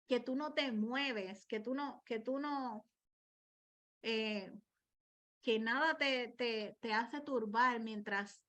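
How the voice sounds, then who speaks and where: A woman's voice: a little high, fairly bright tone. Woman preaching, personal and conversational. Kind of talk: sermon.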